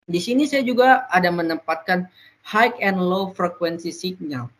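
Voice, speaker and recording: A presenter giving an educational talk to peers, explaining point by point with frequent pauses on "nah". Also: mid-range voice, fairly bright tone.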